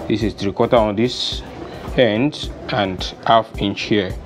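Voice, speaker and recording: A young man with a Nigerian accent, teaching DIY farming, goes through an unscripted, hands-on demonstration step by step. He speaks slowly in a lowish voice with fairly even intonation, inside an open-sided poultry house with a concrete floor, music playing behind him.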